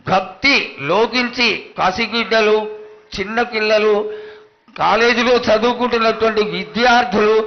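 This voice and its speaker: High-voiced man pleading at a ritual. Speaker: ritual attendant questioning the oracle. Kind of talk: devotional pleading addressed to a goddess. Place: live temple festival ritual. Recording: dull lo-fi live broadcast sound.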